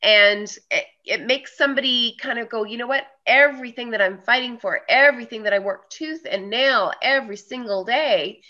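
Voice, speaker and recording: A woman's voice: on the high side, moderate pace, few pauses. A woman hosting a podcast, speaking in an affirming way and stressing her points through repetition. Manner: warm, affirming, emphatic repetition. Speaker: podcast host. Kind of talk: casual interview chat. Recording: dull lo-fi audio.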